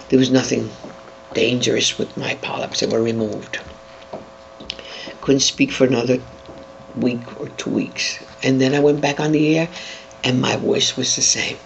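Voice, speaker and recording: An older entertainer giving an interview, talking in an animated way and demonstrating voices while handing out advice. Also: mid-range voice, vocal fry. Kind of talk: interview chat. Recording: dull lo-fi, faint noise.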